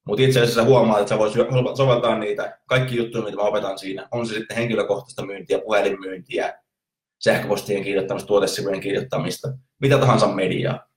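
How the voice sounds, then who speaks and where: A man's voice: fairly low pitch, steady tone, echoey room. A man hosting a podcast, giving marketing advice in a rambling monologue with many restarts. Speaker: podcast host, marketing coach. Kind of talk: casual monologue.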